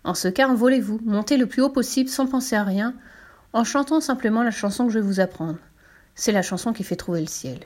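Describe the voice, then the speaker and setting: A woman voicing an old male pope who is cross at first and then gently advises. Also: a little high, a little fast, close to an everyday voice. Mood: advising.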